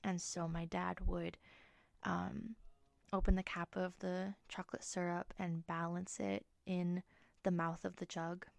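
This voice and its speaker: Soft-spoken woman with a gravelly voice. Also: lowish voice, dry recording. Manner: soft, reflective, often drops to a whisper. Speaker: podcast host. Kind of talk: personal storytelling monologue.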